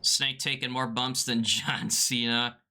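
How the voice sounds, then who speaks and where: Casting: male gaming streamer, average pitch, casual rambling live commentary, noticeable background noise. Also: little pitch movement, measured pace, pushed and bright. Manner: conversational, rambling, frequent "you know". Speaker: speedrunner commentating on a game run. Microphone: headset.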